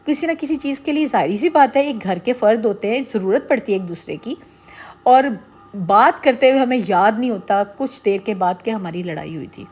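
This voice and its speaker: Middle-aged woman vlogger, earnest and persuasive, talks straight to viewers, voice a touch high. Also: a little mellow. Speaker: vlogger giving marriage advice. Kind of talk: casual advice talk to camera.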